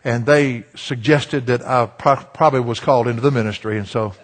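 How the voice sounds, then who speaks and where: A man's voice: medium pitch, a little fast. An older man from Virginia, preaching a sermon as a pastor, folksy and self-deprecating in his storytelling. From Virginia, USA.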